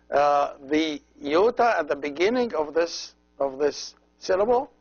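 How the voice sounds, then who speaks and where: A man teaching a language lesson as a priest, slowly repeating each word and explaining how every letter is pronounced. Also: fairly high pitch. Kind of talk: slow, patient language lesson. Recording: dull lo-fi recording.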